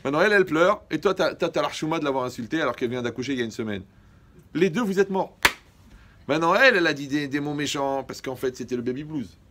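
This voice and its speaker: A man from Morocco, a rabbi, giving a lively religious lecture full of jokes and often checking that his audience is following. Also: a little high, fast, a little hiss or hum.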